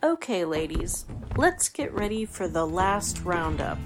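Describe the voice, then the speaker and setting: A woman's voice: on the low side, very animated, a little slow, music in the background. A woman playing a shrewd, commanding female gunslinger who leads her gang, dry and decisive, in a comic Western audio drama. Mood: wry, commanding.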